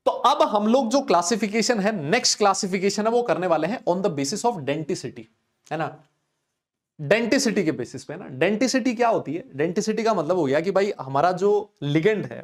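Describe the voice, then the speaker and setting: A man's voice: high-pitched, animated, normal speed. A man teaches chemistry in a live online class. He talks in a chatty, teasing way, keeps checking in with his students, and answers their comments as they come in. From India.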